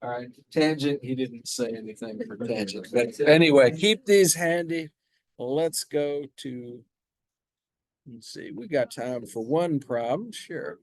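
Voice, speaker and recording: A man's voice: mid-range voice, unhurried, rough recording. A man teaching a math class, talking casually and quizzing students with repeated prompts. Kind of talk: classroom lecture.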